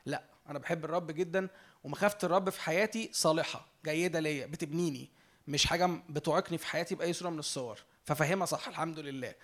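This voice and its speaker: Fast high-voiced Egyptian preacher. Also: male voice. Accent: Egyptian Arabic. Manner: earnest, shifts from emphatic preaching to quiet self-reflection. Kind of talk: conversational sermon.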